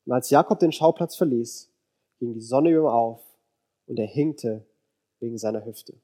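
A man preaching a sermon, repeating phrases for emphasis and dropping low and soft when he quotes biblical figures. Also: normal speed. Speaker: pastor.

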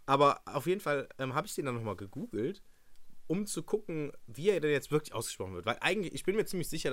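A young man on a casual podcast, his pitch swinging up and down as he tells a story. He rambles, stumbling over fillers and restarting his sentences as he goes. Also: a bit bright. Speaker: podcast co-host. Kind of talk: casual chat.

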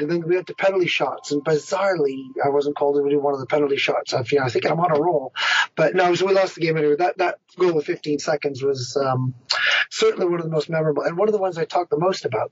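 Husky rambling man, dry lo-fi sound. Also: a little high, a little fast, no echo. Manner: rambling, self-mocking storyteller. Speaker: ice hockey player and coach. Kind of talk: casual interview answers.

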